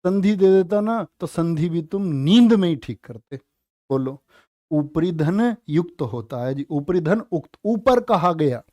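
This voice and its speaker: Playful, high-voiced male Hindi teacher. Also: expressive, mellow, dry recording, clean studio sound. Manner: playful, teasing, drawn-out spelling of words. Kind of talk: live online exam-prep class.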